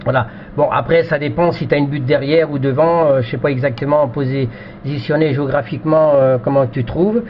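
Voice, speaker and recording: Talking shop as an amateur radio operator, a man speaks briskly in a steady, somewhat high voice. His casual technical explanation is repetitive and hesitant. The sound is muffled and band-limited like radio, with faint noise.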